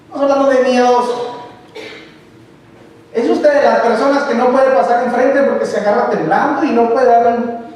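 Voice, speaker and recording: A man preaching a conversational sermon in a church, often asking the congregation direct rhetorical questions. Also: extremely high pitch. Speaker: lay preacher. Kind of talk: conversational sermon with personal testimony. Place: church sanctuary. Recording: distant mic in a reverberant hall.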